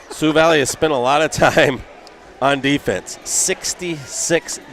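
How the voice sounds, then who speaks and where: A man giving color commentary at a high school volleyball match, steadily recapping sets and reading stats. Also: slow pace, slight background noise. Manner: steady, reads stats methodically.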